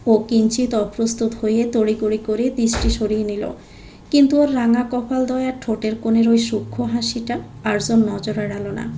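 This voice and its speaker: A woman narrating a romantic audio story in an even, expressive storytelling read. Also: fairly high pitch, moderate pace, a little hiss or hum.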